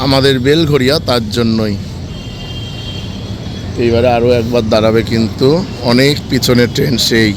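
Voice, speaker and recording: A man's voice: mid-range voice, steady tone, normal speed, long pauses, background noise. A man giving casual vlog commentary on trains at a railway station. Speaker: train-spotting vlogger.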